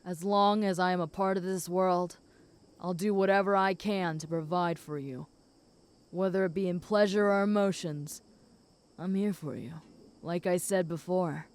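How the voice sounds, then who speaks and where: Flirty, smooth-voiced female werewolf, acted by a woman. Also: on the low side, natural voice. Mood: flirty, devoted. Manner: flirty, teasing, with soft chuckles. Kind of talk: intimate audio role-play to the listener.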